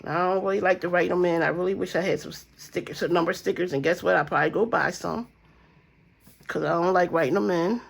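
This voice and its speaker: Fast-talking with vocal fry, a budgeting vlogger speaks in a fairly low voice with fairly even intonation. She has a stuffy nose and rambles casually to her viewers with fillers, calling them guys and y'all.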